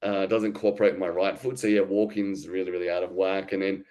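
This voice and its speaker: A man's voice: deep voice, level tone, a little fast, darkish tone. A man in his thirties telling his own story in a candid, informal way with lots of fillers and restarts. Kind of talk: casual conversational storytelling.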